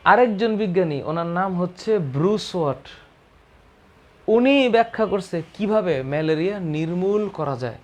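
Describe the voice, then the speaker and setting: A man's voice: sits high, expressive, normal speed, a little mellow. A man teaching a biology lesson, repeating key terms and answering his own questions.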